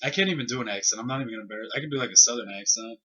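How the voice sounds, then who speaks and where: Rapid-fire and forceful, a young male podcast co-host laughs his way through slangy stories on a casual, uncensored show. His medium-pitched voice is bright with a breathy edge, captured in a dull lo-fi recording.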